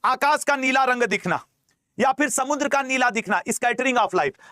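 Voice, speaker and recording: A man's voice: very high-pitched, a little slow, pushed and bright, dry recording, studio quality. A man teaching an exam-prep class in a teasing, chatty way, repeating key terms, with a regional lilt.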